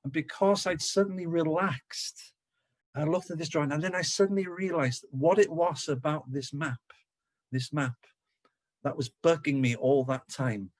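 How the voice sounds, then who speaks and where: A man's voice: fairly high pitch, moderate pace, no echo. A middle-aged man from North Wales with a Welsh accent, giving an anecdotal local history talk and acting out the dialogue. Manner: lively storyteller who acts out dialogue.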